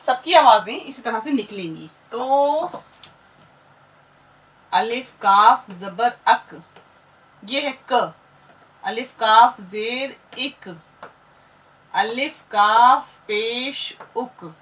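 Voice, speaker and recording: Patient woman teaching letter sounds slowly. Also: a little high, a bit bright, distant mic, poor audio. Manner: patient, drills syllables one by one and has listeners repeat. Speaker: Urdu teacher. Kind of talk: slow classroom lesson, spelling out sounds.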